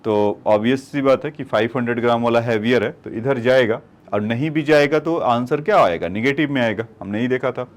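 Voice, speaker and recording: A male physics teacher with a mid-range voice works through problems on a board at a brisk pace. In this whiteboard problem-solving lecture, he explains every step and calls his students "children."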